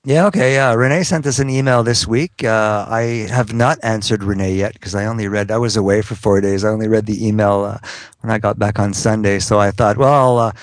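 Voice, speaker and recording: A man's voice: lowish voice, steady tone, brisk, no room sound. A man co-hosting a podcast in casual chat, easygoing and reading listener emails aloud. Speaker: podcast co-host.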